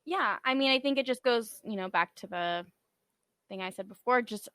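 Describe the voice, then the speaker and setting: A young woman, a former cheerleader, answering questions in a relaxed and reflective way on a podcast. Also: fairly high pitch, normal speed, dry recording. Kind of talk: casual podcast interview.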